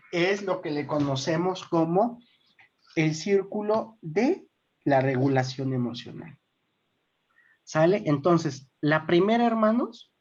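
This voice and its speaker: A woman's voice: fairly low pitch, a little mellow. A woman with a Mexican accent leading a formation class. She explains step by step, keeps checking that her listeners follow, and addresses them as brothers and sisters. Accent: Mexican Spanish. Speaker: formation instructor. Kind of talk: online group class. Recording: dull lo-fi recording.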